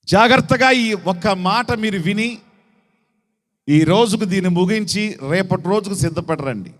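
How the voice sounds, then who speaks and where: A man preaching as a bishop at a church service, reading scripture in a slow raised chant and questioning his congregation, with a Telugu accent from Andhra Pradesh. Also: sits high, fairly bright tone. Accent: Telugu-speaking, Andhra Pradesh. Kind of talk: sermon. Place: church hall. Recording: long hall reverb.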